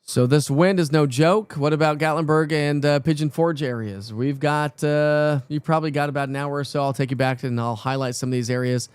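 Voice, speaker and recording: A man's voice: fairly high pitch, steady tone, fairly quick, hardly any pauses, clean tone, no room sound. A man presenting live severe weather coverage off the cuff, talking informally and directly to viewers.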